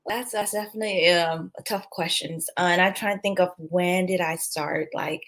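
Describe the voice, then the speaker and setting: A woman's voice: fairly low pitch, steady tone, normal speed, fairly bright tone. A young woman from Vietnam, a guest and social worker, speaking heartfelt over a video call.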